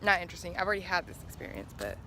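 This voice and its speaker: A woman's voice: on the low side, big pitch swings, racing, pushed and bright, slight background noise, poor audio. A woman vlogger chatting casually and informally, rambling along and questioning herself as she talks. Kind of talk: casual chat to camera.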